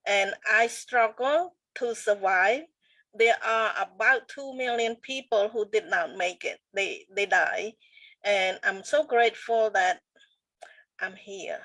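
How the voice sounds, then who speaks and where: A woman from Cambodia, co-hosting a talk show and introducing herself in an earnest, halting way. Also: medium pitch, pushed and bright, no echo, poor audio. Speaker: co-host.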